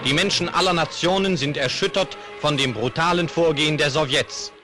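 A man's voice: fairly high pitch, moderate pace, bright, forceful tone, faint music behind. A man narrating an old 1950s newsreel in a solemn, dramatic announcing manner. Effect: old newsreel recording.

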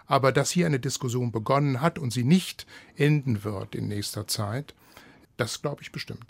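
A man talks as a guest in a radio debate. His voice has a gravelly edge, and his reflective, deliberate speech sits close and dry. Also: medium pitch, dry recording. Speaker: panel guest. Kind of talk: radio discussion.

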